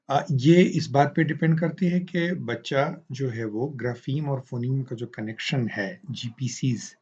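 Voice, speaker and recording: Slow-talking guy teaching a class on reading, husky voice, kinda dull lo-fi sound. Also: mid-range voice, darkish tone. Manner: slow, deliberate explanation with hesitant fillers. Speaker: teacher educator. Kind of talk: recorded teaching lecture.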